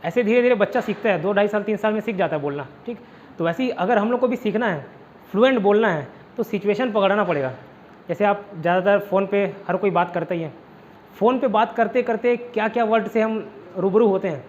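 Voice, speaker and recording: Male teacher, high-pitched and chatty, recorded on lo-fi audio with faint hiss. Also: a little fast. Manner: chatty, keeps checking in with students. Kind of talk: online class lecture. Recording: dull lo-fi audio with faint noise.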